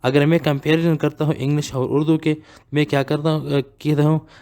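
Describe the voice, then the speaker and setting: A male English grammar teacher giving a lesson, asking himself questions and repeating key words, reading examples out slowly. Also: a little high, little pitch movement, warm tone, clean tone. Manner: asks and answers his own questions, repeats key words.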